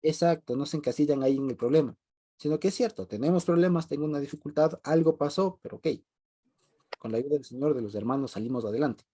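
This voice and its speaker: A man's voice: a little high, quick pace, mellow, a little hiss or hum. A man leading an informal group Bible study, talking conversationally, repeating his main points and chuckling often.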